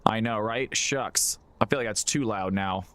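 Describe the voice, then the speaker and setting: A man's voice: on the low side, a little slow, a bit bright, no room sound. A man streaming a game, chatty and upbeat while fiddling with his gear, his voice passing through uneven auto gain so the volume keeps swinging up and down. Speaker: gaming livestreamer. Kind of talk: casual live-stream chat.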